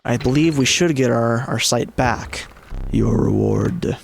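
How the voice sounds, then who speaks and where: A man's voice: mid-range voice, unhurried, slight background noise. A man giving casual commentary on a game playthrough, musing aloud as he goes. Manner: muses aloud, mildly swears. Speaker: gaming video player and commentator.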